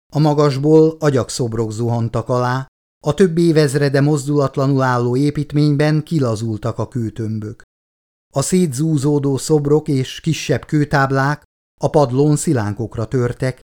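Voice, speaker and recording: A man with a mid-range voice narrates a scripted audiobook, reading in a measured, even way.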